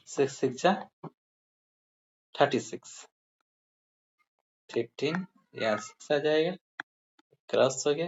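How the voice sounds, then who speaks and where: A maths teacher giving a step-by-step lesson, counting through each sum aloud and addressing the pupils as dear children. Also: medium pitch. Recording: slightly muffled with faint hiss.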